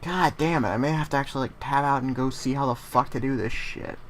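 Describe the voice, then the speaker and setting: A man's voice: mid-range voice, quick pace, slight background noise. A man giving casual gaming commentary, swearing heavily and ranting as he gets frustrated. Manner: profane, ranting, easily frustrated. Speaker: let's play commentator.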